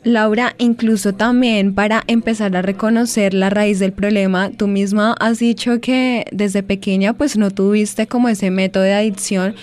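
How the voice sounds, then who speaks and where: A woman interviewing a guest, asking long, measured, thoughtful questions. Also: mid-range voice, steady tone, darkish tone.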